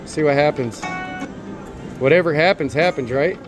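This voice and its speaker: A high-pitched man narrating his slot play in casual, excitable slang. He coaxes the machine aloud, with clear music playing around him on the casino floor. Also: moderate pace. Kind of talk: casual excited gambling chat.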